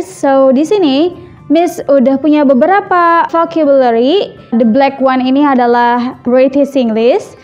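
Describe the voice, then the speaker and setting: A woman English teacher from Indonesia gives a vocabulary lesson, mixing two languages and repeating words slowly for practice. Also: sits high, a little mellow, highs cut off.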